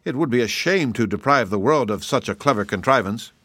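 A man's voice: mid-range voice, expressive, fairly quick, fairly bright tone, no echo. A man voicing a nervous male gnome steward who protests cautiously. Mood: pleading. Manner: protesting, pleading.

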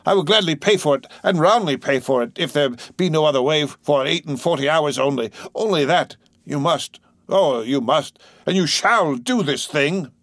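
A desperate whaling captain pleads and insists, as a male reader puts him on. The voice sits higher and pushes harder than the narration. It is recorded close and dry. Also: normal speed, few pauses, a bit bright, no echo. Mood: pleading. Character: desperate middle-aged male whaling captain begging for help.

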